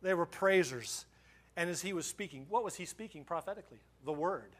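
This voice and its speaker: Brief: middle-aged male pastor, high-pitched, fervent sermon delivery with stumbling repeats. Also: expressive, a little fast, a bit bright. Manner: impassioned, repeats words and restarts, chuckles between points.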